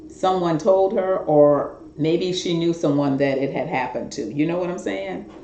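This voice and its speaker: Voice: medium pitch, unhurried, mellow, slight background noise. A middle-aged talk show host giving rambling, earnest, repetitive warnings straight to viewers in a casual monologue. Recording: roomy, dull lo-fi recording.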